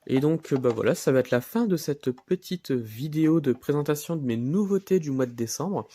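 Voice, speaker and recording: A man presenting his new model cars in a casual vlog, halting and filling pauses often. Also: mid-range voice, mellow, dry recording. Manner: halting, many fillers and "voilà". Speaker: diecast collector vlogger. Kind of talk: casual show-and-tell vlog.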